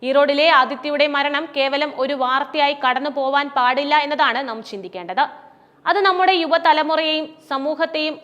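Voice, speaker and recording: High-voiced woman reading news narration. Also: a bit bright, big-room sound, lo-fi sound. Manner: formal, measured reading.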